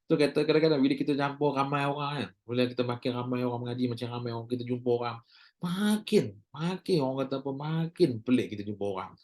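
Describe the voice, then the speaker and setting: The same casual recorded lecture features a Malaysian Malay-accented man leading a recitation class, joking and chatting while he stretches out sounds as models. He speaks fast, in a medium-pitched voice with a darkish tone.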